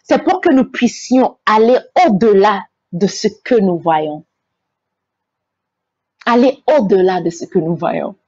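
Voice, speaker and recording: A woman's voice: mid-range voice, expressive, slow, long pauses, a little mellow, slightly rough, no room sound, dull audio. A woman from Togo, hosting a faith-based inspirational talk. She speaks earnestly, repeats her key phrases and stumbles over repeated words. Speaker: host, motivational speaker.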